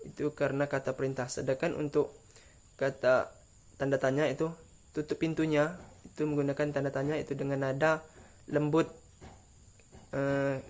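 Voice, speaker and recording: Young man presenting, flat and halting. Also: mid-range voice. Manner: flat, halting delivery with slips. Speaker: student presenter. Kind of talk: classroom presentation.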